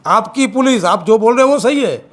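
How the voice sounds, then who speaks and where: A man speaking as an activist in an interview, forceful and repeating his points with emphasis. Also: very high-pitched, lively intonation, normal speed. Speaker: campaign activist. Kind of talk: interview, political criticism.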